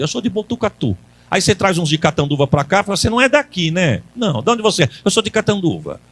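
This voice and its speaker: High-voiced preacher man. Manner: call-and-response with congregation, rising to loud preaching; folksy storytelling with colloquial grammar. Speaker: pastor. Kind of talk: Pentecostal sermon with storytelling. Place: church service.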